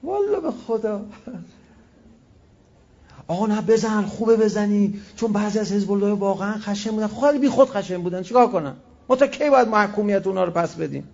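A man preaching a sermon, telling stories and shifting between loud exclamations and quiet asides. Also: high voice, animated, gravelly, lo-fi sound. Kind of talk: religious sermon with storytelling.

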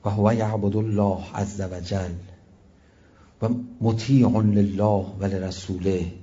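A man preaching a sermon, telling stories and shifting between loud exclamations and quiet asides. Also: fairly low pitch, steady tone, dull audio. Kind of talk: religious sermon with storytelling.

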